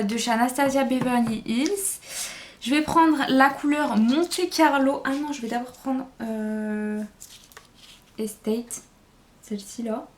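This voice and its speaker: Chatty French-speaking woman vlogger. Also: high-pitched. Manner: chatty, hesitant, thinking aloud. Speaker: beauty vlogger. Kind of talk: casual makeup tutorial chat.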